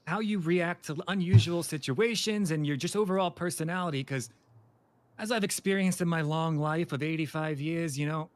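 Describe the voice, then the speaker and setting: Guy with a pretty high voice, rambling and chatty, setting up a silly roleplay scene. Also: normal speed. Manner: chatty, rambling, slips into panicky comic yelping. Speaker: interviewer running a roleplay scenario. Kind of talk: in-character game roleplay.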